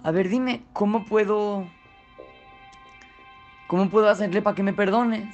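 A storyteller voicing an impatient rich man who shouts at someone holding up a checkout line. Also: mid-range voice, fairly even intonation, muffled recording, soft background music, natural voice. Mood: remorseful. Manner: yelling, indignant, rapid.

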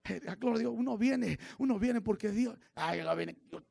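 Gravelly pastor shouting and murmuring by turns. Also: male voice, normal speed, no room sound, clean studio sound. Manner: swings from shouted preaching to low confiding asides. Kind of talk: sermon.

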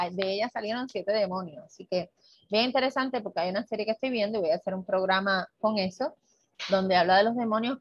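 A woman hosting a casual talk on Bible topics, lively and conversational, often checking in with the listener and acting out dialogue. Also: medium pitch, no room sound. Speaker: host. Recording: dull, muffled dry sound.

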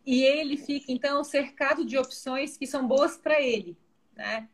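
A woman's voice: high voice, moderate pace. A woman hosting a casual call, chatty and enthusiastic. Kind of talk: casual video-call conversation.

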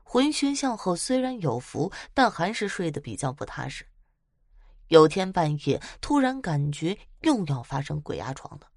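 A woman casually retelling spooky stories in a chatty, lively way, with dramatic swells. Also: mid-range voice, dry recording, clean studio sound. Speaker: storyteller.

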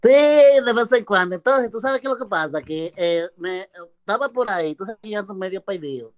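A man's voice: high-pitched, animated, fairly quick, no room sound, studio quality. A man voicing a lovesick rustic village farmer who rambles in a folksy, heartsick way on a radio show. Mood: lovesick rambling.

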